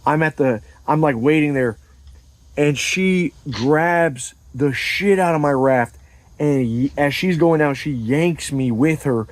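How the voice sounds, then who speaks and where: A man telling a comedic story in casual chat, animated and profane, acting out scenes with sound effects and quoted lines. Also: on the high side, takes it slowly, dry recording, poor audio.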